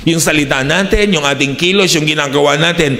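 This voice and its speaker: Filipino male pastor, mid-high voice, sermon mixing in English, recorded in a reverberant church hall. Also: brisk, sharp tone. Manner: mixes English phrases into his preaching, asks the congregation "di ba?". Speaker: preacher.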